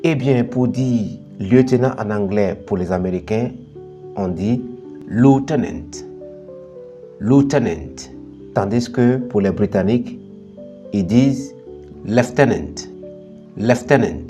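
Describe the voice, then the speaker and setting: A man with a mellow, warm voice teaches English pronunciation in a calm, deliberate way. He says each word slowly and repeats it so the difference is clear. Soft instrumental music plays quietly underneath. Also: fairly low pitch. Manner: slow, deliberate modelling of word pairs. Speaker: English teacher, channel host. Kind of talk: bilingual pronunciation lesson.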